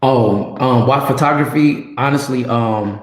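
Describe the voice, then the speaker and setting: A man's voice: mid-range voice, measured pace. A man on a video call sharing his story in casual chat, his audio echoing like a cave. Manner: relaxed and conversational, says "man" and "right". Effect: cave-like echo on his audio. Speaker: photographer on a panel.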